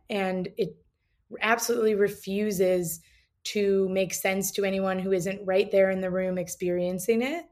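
A woman talking casually as an interview guest, a comedian who is earnest and expressive with a joking streak. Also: mid-range voice. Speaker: improv and stand-up comedian, guest.

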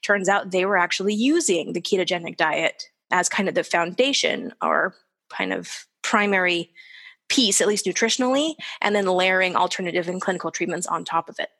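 A woman in her forties telling her own story in casual conversation, candid and animated, acting out the people she quotes. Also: on the low side, moderate pace. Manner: candid and animated, quoting others in lively voices. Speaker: guest. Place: lives in the desert southwest of the US.

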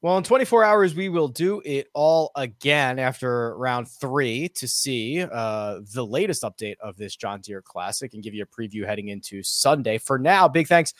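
A man's voice: medium pitch, animated, moderate pace, hardly any pauses, no echo, clean studio sound. A man hosting a podcast as a golf commentator, running through scores and odds in a conversational, presenter-like way. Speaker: podcast host.

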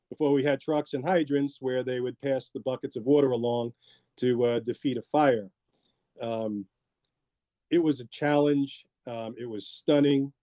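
A man, a former law enforcement officer, recounting his experience in a measured way with frequent pauses. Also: medium pitch, warm tone, dry recording, highs cut off. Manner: measured, with frequent ums and asides. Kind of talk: reflective interview storytelling.

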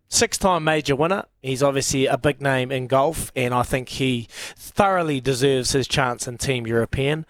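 A man's voice: medium pitch, no room sound. A man with a broad New Zealand accent hosting sports radio, bantering casually in a blokey, slangy way.

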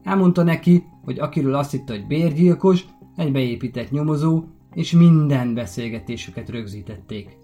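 A man narrates a true crime podcast at a calm, measured pace. His voice is mellow and warm. Faint music plays underneath. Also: mid-range voice. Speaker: podcast host.

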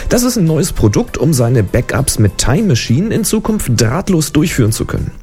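A man's voice: fairly high pitch, sing-song, normal speed, darkish tone, soft background music. A man hosting a podcast, giving casual tech commentary with chatty, wry asides. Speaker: podcast host.

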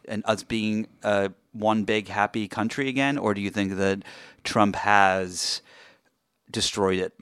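A man hosting a podcast, asking measured questions and reading a brisk sign-off. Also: fairly low pitch, a bit bright, clean tone, dry recording, clean studio sound. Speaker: podcast host. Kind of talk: interview and scripted outro.

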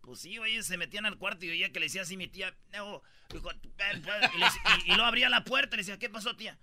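A Mexican man hosts a radio show with a casual, slangy, joking delivery. His voice sits high and rings very bright. He tells stories in an animated way. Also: rapid-fire. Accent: Mexican Spanish. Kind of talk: casual comedic radio chat.

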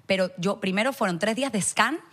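A woman from Guayaquil talks with a strong local accent, animated as she tells her stories. Her voice sits in the middle range. She keeps slipping English words into her Spanish. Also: medium pitch, a little fast. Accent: Guayaquil Ecuadorian Spanish. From Ecuador, Guayaquil. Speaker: guest actress. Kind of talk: casual chat.

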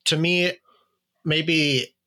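Man, host, bright tense voice, casual online chat, video call, lots of restarts. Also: fairly high pitch, steady tone, very slow. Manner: conversational, many fillers and restarts. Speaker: podcast host asking questions.

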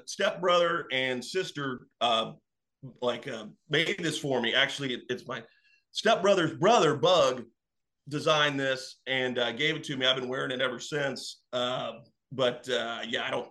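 A man guest chatting casually, telling animated stories and acting out what people said. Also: mid-range voice. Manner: animated, acts out quotes. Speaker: wrestling fan guest. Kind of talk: casual storytelling.

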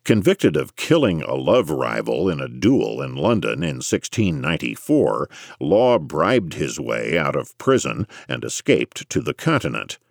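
Male narrator for scholarly nonfiction: extremely low, animated intonation, erudite and measured delivery. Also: vocal fry, no echo, studio quality. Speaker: audiobook narrator. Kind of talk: scripted scholarly narration of economic history.

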